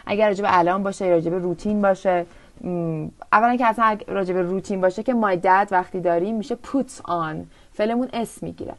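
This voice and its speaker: A woman runs an English lesson. Her voice has a gravelly edge at a middling pitch. She says the English example sentences slowly and deliberately, and she explains them in quick, casual with small hesitations. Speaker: English teacher.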